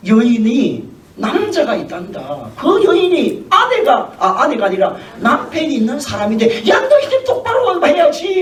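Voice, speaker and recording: Angry blustering king, a man doing the voice, very high voice, shouting at his ministers, echoey church hall, from afar. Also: distant mic, slight background noise, exaggerated voice. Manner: blustering, shouting, crude scolding.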